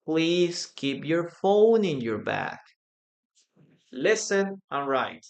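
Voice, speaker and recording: This medium-pitched voice is gravelly with a sing-song lilt, belonging to a Spanish-speaking English teacher. She runs a live online class in an encouraging way. Her delivery is slow and careful as she repeats phrases for her students.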